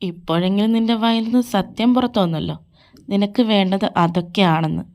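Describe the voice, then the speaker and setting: A woman's voice: darkish tone, lightly acted. A woman voicing a jealous, possessive young man in a fan audio drama, taunting and domineering. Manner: taunting, domineering, slow and low. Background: faint background music.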